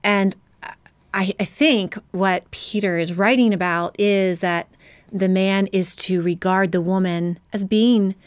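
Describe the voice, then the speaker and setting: A woman taking part in a faith-based podcast discussion, thoughtful and measured, pausing to search for words. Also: mid-range voice, fairly even intonation, clean tone, no room sound. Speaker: Bible study participant.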